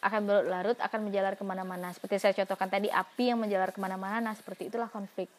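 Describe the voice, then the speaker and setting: A woman's voice: mid-range voice, level tone, racing. A woman giving a university lecture in an explanatory way, asking herself questions and answering them, with frequent fillers.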